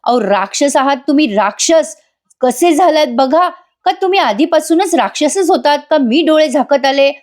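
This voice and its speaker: An angry middle-aged wife, voiced by a woman narrator throws accusations at her husband. The pitch runs a little high and every line presses hard. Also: animated, normal speed. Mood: accusing. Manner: accusing, shouting.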